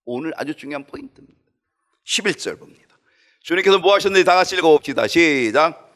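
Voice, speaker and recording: A man preaching a Sunday sermon as pastor, with animated delivery that swings from loud to hushed. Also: fairly high pitch, fast talker. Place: church sanctuary.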